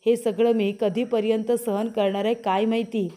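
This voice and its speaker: A frightened young wife from a TV serial pleads and insists that she is telling the truth, voiced by a woman narrator. The voice is slightly high and mellow, and it is full of anxious urgency. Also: flat delivery, normal speed, close to an everyday voice.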